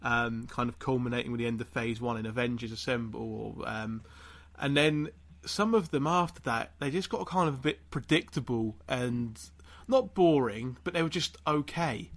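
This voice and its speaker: Bright-voiced man chatting on a podcast. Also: mid-range voice, normal speed, hardly any pauses. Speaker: podcast panellist. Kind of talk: casual chat.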